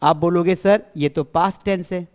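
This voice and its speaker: A man's voice: high-pitched, fairly even intonation, normal speed, darkish tone, smooth. A man teaching an English grammar lesson to a class. He keeps checking that the students follow, and he asks questions and then answers them himself. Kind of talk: classroom lesson explaining tenses.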